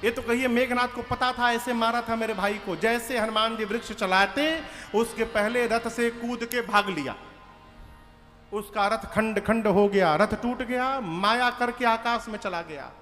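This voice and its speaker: A man's voice: extremely high pitch, measured pace, bright, forceful tone. A man telling a devotional epic story in a dramatic way, acting out the characters. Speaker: religious storyteller. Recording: reverberant hall with faint music.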